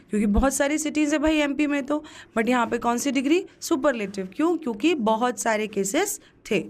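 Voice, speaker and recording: A woman teaching an exam-prep grammar lesson, asking the class questions and answering them herself, with English words in a Hindi accent. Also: sits high.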